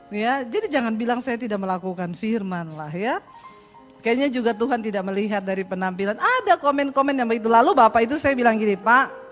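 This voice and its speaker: A middle-aged woman preacher telling personal stories in a sermon, lively and laughing as she addresses the congregation. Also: medium pitch.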